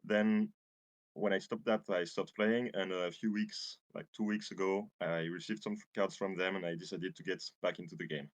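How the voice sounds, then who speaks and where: Very deep-voiced male guest. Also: steady tone, dry recording. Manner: measured, with hesitations. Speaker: interview guest, card game player. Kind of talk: casual interview answers.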